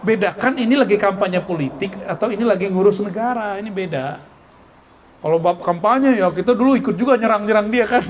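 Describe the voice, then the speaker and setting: A man with a high voice gives an Islamic lecture in relaxed style speech. He is lively and jokes with his listeners, often breaking into laughter. Faint background noise sits under his voice. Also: fairly quick. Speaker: preacher. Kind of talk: religious study lecture. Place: Islamic boarding school gathering.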